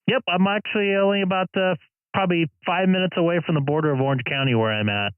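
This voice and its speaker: A man with a fairly high voice works as an amateur radio operator, calling and chatting on the air. He is friendly and a bit hesitant, spelling call signs phonetically. The audio is muffled and narrow. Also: quick pace, smooth, no echo. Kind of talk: ham radio call, casual on-air exchange.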